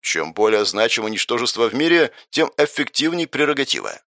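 A man voicing a cold, impersonal male game system announcer who recites rules in a flat, official way. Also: mid-range voice, fairly quick, dry recording, studio quality. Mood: formal, cold. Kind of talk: audiobook character reading.

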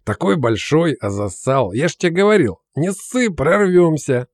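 A man voicing a coarse, cocky middle-aged uncle with supernatural powers in an audiobook, talking in a gruff, slangy, swaggering way. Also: on the high side, lively intonation, moderate pace, dry recording, clean studio sound.

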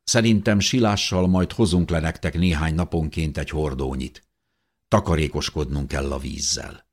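A man with a very deep voice voicing a practical grown man who explains how the hiding place will work. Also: steady tone. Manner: matter-of-fact explaining.

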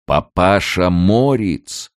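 A man as a booming giant gatekeeper. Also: big pitch swings, smooth, dry recording, clean studio sound, exaggerated voice. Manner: slow, booming calls. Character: huge gentle male gatekeeper with staff.

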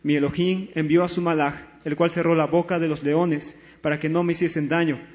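A man reading a scripture passage aloud at a steady, even pace. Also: fairly high pitch, fairly quick. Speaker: scripture reader. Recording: long hall reverb.

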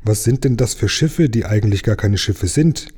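A man voicing a tiny, curious mermaid girl in a high, soft voice, reading a storybook aloud. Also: expressive, moderate pace, slightly rough.

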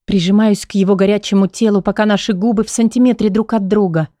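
A woman's voice: mid-range voice, steady tone, fast talker, dark tone, no room sound. A woman reading a first-person romance audiobook in an intimate, emotional way, close to the mic. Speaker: audiobook narrator.

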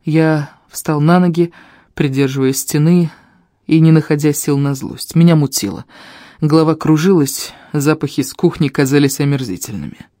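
An audiobook narrator tells a first-person fantasy tale with expressive, feeling-filled delivery. The voice is warm and mellow, middle in pitch, recorded close and dry with no room sound. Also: normal speed, no echo. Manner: expressive, emotional storytelling.

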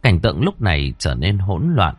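A man storyteller narrating a ghost tale in a low voice, slow and deliberate. His delivery is dramatic, rising and falling with a lot of expression. The recording is dry and close. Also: big pitch swings, husky, dry recording.

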